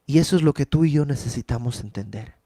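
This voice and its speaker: A man's voice: mid-range voice, fast talker, mellow, no room sound. A man teaching a verse-by-verse Bible study in an earnest, emphatic, conversational way.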